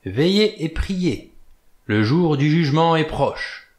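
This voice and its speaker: A man's voice: a little high, lively intonation, takes it slowly, darkish tone, voice pushed up. A man voicing a doddering, drunk old sailor who wails plaintive warnings of doom in an audiobook. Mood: solemn. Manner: plaintive, solemn wailing.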